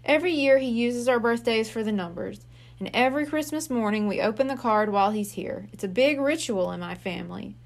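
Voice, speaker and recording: A woman's voice: fairly high pitch, brisk, vocal fry. A woman reading as a worried older boy. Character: friendly older boy babysitting siblings.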